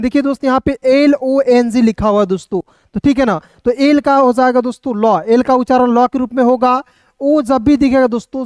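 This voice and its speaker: Male tutor, patient and repetitive, spells words out letter by letter; smooth resonant voice, dry recording. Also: extremely high pitch, a little mellow, no room sound. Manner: patient, repetitive, constantly addresses viewers as friends. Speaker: English teacher. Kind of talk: online phonics lesson.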